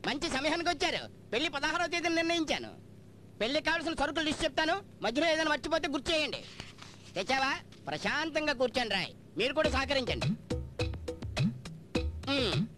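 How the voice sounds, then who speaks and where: A man's voice: extremely high pitch, animated, fast talker, long pauses, over music. An actor playing a bossy middle-aged father who barks orders about a wedding, in a film comedy scene. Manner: commanding, brusque, orders people about.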